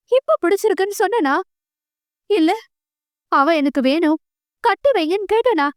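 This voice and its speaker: A woman voicing a heartbroken young bride, high and bitter. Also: dry recording, studio quality. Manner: pleading then angry, breaking voice.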